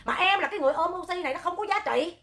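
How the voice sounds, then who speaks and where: A woman with a Southern Vietnamese accent hosting a livestream, talking loud, hot-tempered and animated, rambling with joking asides. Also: very high voice, very fast. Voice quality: loud, piercing voice. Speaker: livestream host, charity oxygen volunteer. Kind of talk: livestream talk to viewers.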